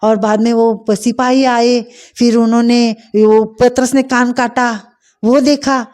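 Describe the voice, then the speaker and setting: Middle-aged woman sharing her faith story, soft mellow voice, lots of ums and pauses. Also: on the high side, level tone. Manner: heartfelt, hesitant with many fillers. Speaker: testimony speaker. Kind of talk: emotional personal testimony.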